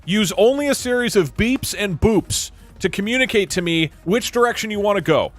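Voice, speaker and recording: A man's voice: high voice, expressive, normal speed, faint music behind. A man giving casual, joking commentary while playing a game, laughing often. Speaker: streamer.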